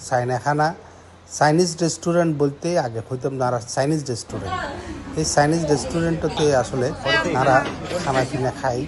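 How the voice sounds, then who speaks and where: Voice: medium pitch, a little fast, crowd noise. A speaker with a Chittagonian Bengali accent talking casually, with faint noise behind.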